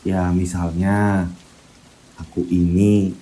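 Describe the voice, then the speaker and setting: A man voicing a quiet, sad elementary schoolboy who talks low and subdued, trailing off. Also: level tone, slow, poor audio.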